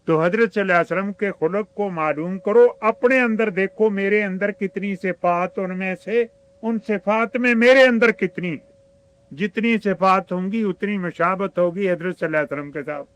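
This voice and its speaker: A man's voice: sits high, moderate pace, a bit bright, smooth, dry recording. A man with an Urdu-speaking Pakistani accent giving a religious sermon, asking his listeners rhetorical questions and quoting Arabic scripture. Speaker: religious teacher.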